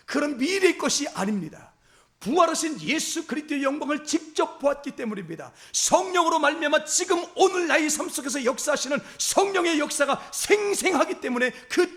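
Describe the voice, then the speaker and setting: A male pastor with a strikingly high voice delivers a fervent Sunday sermon. His pitch swings widely as he builds emphasis through repeated phrases. He calls out directly to the congregation. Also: fairly bright tone. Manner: impassioned, repetitive exhortation with rising emphasis; addresses the congregation directly as "everyone".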